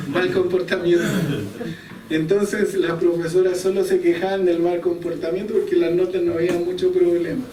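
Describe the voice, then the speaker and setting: A man's voice: on the high side, a little mellow, slight background noise. A young man, preaching a sermon in a conversational, storytelling way. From Chile. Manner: conversational storytelling, chuckles at himself. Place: church hall. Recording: echoey church room, distant mic.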